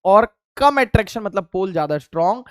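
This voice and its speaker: A man's voice: high-pitched, expressive, brisk, smooth, no room sound, clean studio sound. A male physics teacher giving a casual classroom lecture in Hindi mixed with English, asking questions and then answering them himself. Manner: voices a student's replies to himself.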